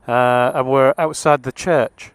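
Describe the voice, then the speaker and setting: An English-accented motorcycle vlogger chats jokily over his helmet intercom mic while mostly riding outdoors, rambling a bit with dry humour. His medium-pitched voice is steady and measured, with a clean tone and no room sound, though loud wind, engine and road noise fill the background.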